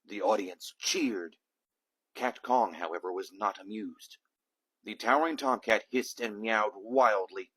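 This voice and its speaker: A man reading a children's picture book aloud in an animated, theatrical way, with dramatic emphasis. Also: lowish voice, a little slow, husky, rough recording. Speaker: storybook reader, a dad reading aloud.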